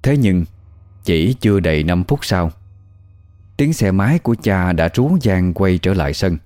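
A man narrating a scripted ghost story in a measured, steady way. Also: sits low, dry recording, faint music behind.

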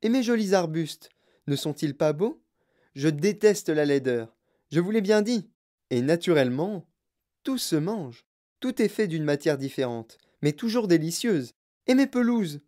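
A woman voicing an excitable, eccentric man who proudly shows off his chocolate factory in an audiobook reading. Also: lowish voice, measured pace. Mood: enthusiastic. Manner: exclamatory and boastful, showing off.

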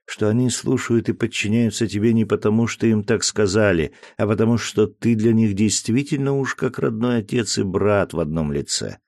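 A man reading a storybook voicing a gentle, loving young woman who speaks softly and coaxingly, with a slightly raised voice. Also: on the low side, moderate pace, few pauses, no room sound, studio quality, pitched above the performer's own voice, lightly acted. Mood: reassuring. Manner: soft, tender, coaxing.

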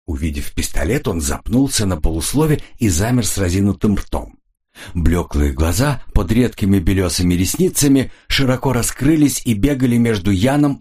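A man with a husky voice narrating a crime novel audiobook expressively. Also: on the low side. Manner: expressive, voices each figure.

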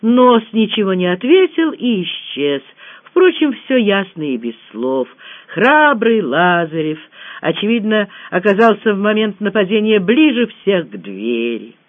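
An audiobook reader telling a novel aloud with expressive delivery. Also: mid-range voice, unhurried. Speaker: audiobook narrator. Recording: tinny phone-like audio.

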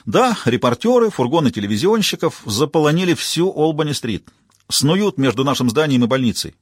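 A man doing a brisk male office colleague. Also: on the high side, big pitch swings, breathy edge, dry recording, clean studio sound, pitched above the performer's own voice.

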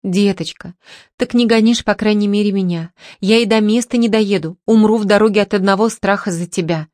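A woman's voice: mid-range voice, brisk, a little mellow, no echo, studio quality, pitched above the performer's own voice, lightly acted. A woman reading the lines of an anxious, loving old puppeteer who frets over his daughter. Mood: pleading. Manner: anxious, pleading murmur. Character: old male puppeteer, fretful loving father.

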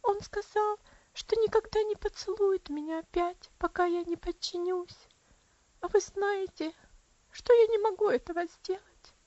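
A woman's voice: very high voice, normal speed, a little mellow, no echo, muffled recording, pitched above the performer's own voice. A woman doing a frail, tearful little girl. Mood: tearful pleading. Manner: pleading, tearful, weak. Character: frail, sickly little girl longing for father.

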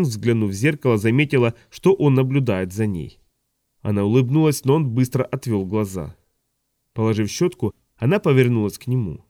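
A man narrates an audiobook in a calm, even reading. His voice is dark and mellow, with a middling pitch, and is recorded dry and close to the mic. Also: dry recording. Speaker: audiobook reader.

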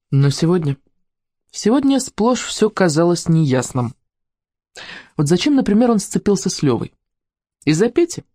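A reader narrating a children's story in an expressive, storytelling way. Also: medium pitch, dry recording, studio quality. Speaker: audiobook narrator. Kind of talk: scripted narration.

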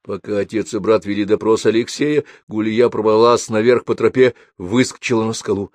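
A man narrating a literary story aloud in an expressive reading voice. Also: lowish voice, moderate pace, dry recording, studio quality. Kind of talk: audiobook narration.

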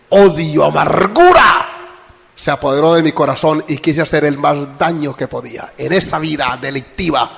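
A male pastor preaching a sermon, telling a story dramatically and acting out the voices, swinging from hushed to shouting. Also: on the high side, creaky, long reverb tail.

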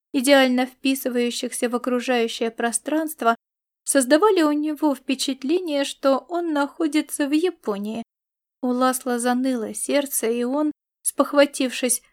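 High-voiced woman narrating a story. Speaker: audiobook narrator. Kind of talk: scripted narration.

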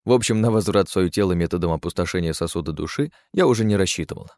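A man's voice: low voice, fast, darkish tone, dry recording, clean studio sound. A man giving sardonic, crude first-person audiobook narration.

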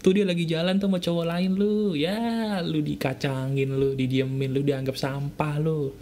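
A man's voice: fairly even intonation, darkish tone, slight background noise, lightly acted. A man voicing a snide male devil who whispers taunting doubts in slangy jeers. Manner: jeering slangy taunts, fast and higher.

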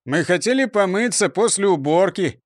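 A man's voice: sits high, expressive, normal speed, dry recording, studio quality. A man doing an earnest fireman explaining. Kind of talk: storybook reading.

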